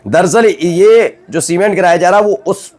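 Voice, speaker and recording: A man anchoring a news roundup, his voice sitting a little high for a man. He talks to viewers directly and emphatically, often asking rhetorical questions before answering them. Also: moderate pace, darkish tone. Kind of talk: conversational news presenting.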